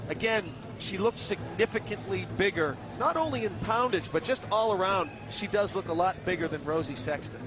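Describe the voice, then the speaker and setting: A man doing energetic play-by-play commentary for a fight broadcast. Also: high voice, normal speed, hardly any pauses, noisy background. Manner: energetic, hyping.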